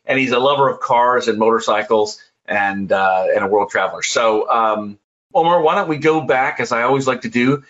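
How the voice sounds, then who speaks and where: A man's voice: medium pitch, moderate pace, fairly bright tone. A male podcast host with a mid-range voice, leading an interview in a hesitant, conversational way full of fillers and restarts. His audio is dull and lo-fi.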